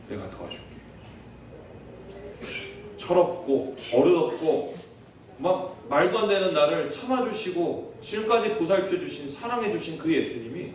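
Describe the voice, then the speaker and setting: A man delivers a sermon from the pulpit, his slightly raised voice ringing through a very reverberant church hall. He sounds distant from the microphone, with a faint hiss underneath. He speaks earnestly and keeps asking his listeners questions. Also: fairly high pitch. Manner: earnest, questions the congregation, acts out quoted prayers. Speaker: pastor. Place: church sanctuary. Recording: echoey church hall, far from the mic.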